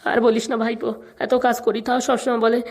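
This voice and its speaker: A woman's voice: fairly high pitch, flat delivery, quick pace. A woman voicing a meek, weepy old father in a family cartoon, speaking in a whiny, pleading manner. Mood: sad. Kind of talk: cartoon voice acting.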